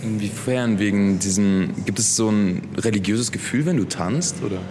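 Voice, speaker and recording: Low-voiced male interviewer, chatty and joking, with clear background noise. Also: normal speed. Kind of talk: casual street interview.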